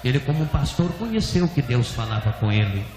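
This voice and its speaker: A pastor preaching a dramatic storytelling sermon, with emphatic, shouted peaks. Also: male voice, medium pitch, sing-song, brisk. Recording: echoey church hall, faint noise.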